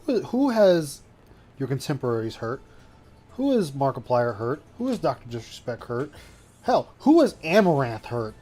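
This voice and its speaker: Animated man hosting a stream. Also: medium pitch, normal speed. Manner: animated, laughing, swearing. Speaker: stream host. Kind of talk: casual chat.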